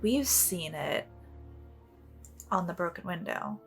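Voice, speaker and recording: A woman's voice: lowish voice, expressive, slow, vocal fry, a bit bright, soft background music. A woman co-hosting a let's play, chatting casually with blunt, joking remarks and some swearing. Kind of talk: casual gameplay chat.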